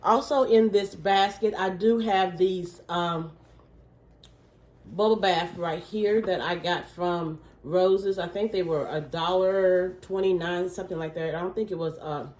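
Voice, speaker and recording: A woman chatting casually to her viewers while showing gift totes, her voice a little worn and throaty as she clears her throat. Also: on the low side, unhurried, darkish tone, reverberant. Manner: chatty, many fillers, says "okay?" to viewers. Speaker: vlogger, small gift business owner. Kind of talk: casual product show-and-tell.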